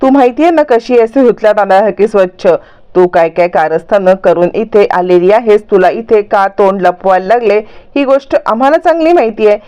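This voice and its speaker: A woman's voice: mid-range voice, a little fast, dark tone, clean tone, muffled recording, close to an everyday voice. A woman voicing a fierce tenement mother who sharply scolds the woman who hit her son, in a story recap. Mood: defiant.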